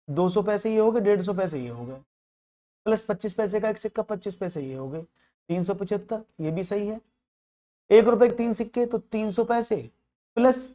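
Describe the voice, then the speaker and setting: A man's voice: sits high, darkish tone. A man giving an online maths lecture for exam prep. He works through problems step by step, drops English phrases into his speech, and keeps checking that his students are following. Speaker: maths teacher.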